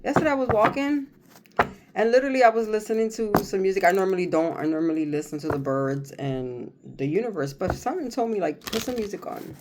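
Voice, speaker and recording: A woman host chatting casually and rambling through a tarot card reading, folksy and jokey, often pausing and repeating herself. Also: medium pitch. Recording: clear background noise, card shuffling and clicks.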